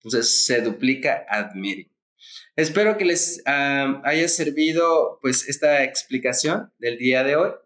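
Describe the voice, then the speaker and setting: A man's voice: medium pitch, animated, measured pace, a bit bright. A man teaching English grammar in Spanish, spelling words letter by letter and repeating the key points. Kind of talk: explaining grammar rules.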